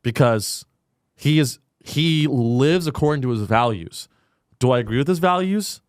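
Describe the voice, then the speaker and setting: Brief: male podcast host, mid-pitch, sarcastic and crude, dry close sound. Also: animated, measured pace, no echo. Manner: crude, sarcastic, swings to high mocking pitch. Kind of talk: casual comedic chat.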